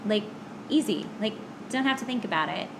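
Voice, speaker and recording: A woman hosts a podcast in a casual chat, speaking candidly and poking fun at herself. Her mid-range voice is expressive and a little fast, and the recording has clear background noise.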